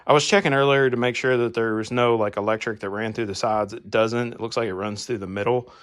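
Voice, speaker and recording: A man giving a casual hands-on vlog narration inside a barn workshop, plain-spoken and thinking out loud. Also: medium pitch, steady tone, fast talker. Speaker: host of a DIY garage channel.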